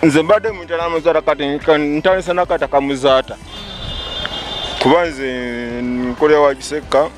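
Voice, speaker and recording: A man's voice: fairly high pitch, fairly even intonation, normal speed. A man answering a street interviewer outdoors, talkative and emphatic, dropping in English phrases. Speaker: passer-by interviewee. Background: music.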